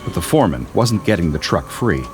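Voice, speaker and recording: A man narrating a scripted horror story in a steady, measured way. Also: low voice, music in the background.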